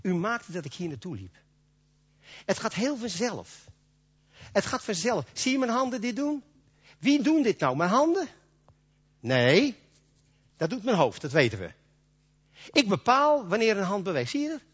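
A man delivers a folksy, conversational sermon, slipping into acted-out bits of dialogue. His voice sits high and swings widely in pitch, with a husky edge. The recording is dull and lo-fi. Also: big pitch swings, measured pace, pauses often, a bit bright. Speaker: preacher.

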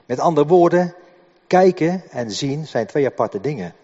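An older man delivers a sermon in a church hall, his husky voice trailing into a long reverb. He speaks haltingly, repeating words as he works through his explanation. The recording is dull and muffled. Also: fairly high pitch, expressive, mellow. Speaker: preacher.

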